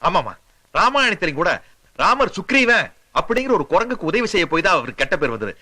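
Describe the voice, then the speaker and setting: A bumbling male kidnapper talks in a very high, bright voice that jumps up and down. He blusters and bickers in quick comic exchanges. The delivery suits a comedy film. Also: big pitch swings, heavily acted. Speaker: film character. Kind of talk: Tamil film comedy acting.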